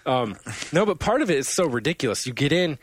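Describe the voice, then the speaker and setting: A man co-hosting a casual gaming podcast, telling stories in a rambling, animated way. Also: fairly high pitch, quick pace, slight background noise. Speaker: podcast co-host.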